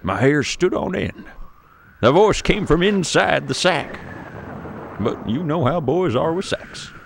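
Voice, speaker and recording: A man playing a gravelly, lively old grandpa storyteller. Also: on the high side, measured pace, slight background noise. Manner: playful, dramatic storyteller. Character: old grandfather telling spooky tale. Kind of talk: storybook read-aloud.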